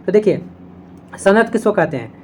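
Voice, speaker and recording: A woman teaching an exam-prep video lesson, explaining each point step by step, checking in with listeners often and reciting couplets slowly. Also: medium pitch, expressive, a little hiss or hum.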